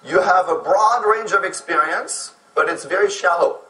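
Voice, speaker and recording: Lecturing to an audience on immigrant employment, a native French-speaking man from France explains things and keeps asking "okay?" to check in. His voice sits high with a sharp tone at a moderate pace, picked up from a distance off mic in an echoey room.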